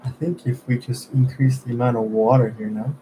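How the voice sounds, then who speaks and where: A man's voice: mid-range voice, fairly even intonation, brisk, warm tone, slight background noise, poor audio. A young man thinking aloud as he studies, quizzing himself under his breath and trailing off when unsure. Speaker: student studying for an exam. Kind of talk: thinking aloud while studying.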